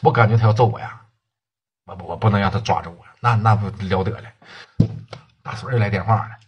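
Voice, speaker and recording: A man's voice: on the low side, a little fast, breathy edge, dull audio. A man telling a crime story in a colloquial, swearing storyteller's manner.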